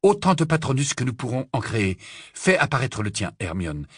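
A man's voice: mid-range voice, very animated, fairly quick, slightly rough, no room sound, studio quality. A man voicing a determined teenage boy wizard in an audiobook, giving urgent commands.

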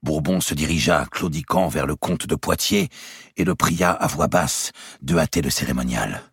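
A male narrator reading a historical novel with expressive, lively delivery. His voice is very deep and gravelly with a strongly husky grain. The recording is dry and close. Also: moderate pace, dry recording. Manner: expressive, acts out every character. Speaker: audiobook narrator.

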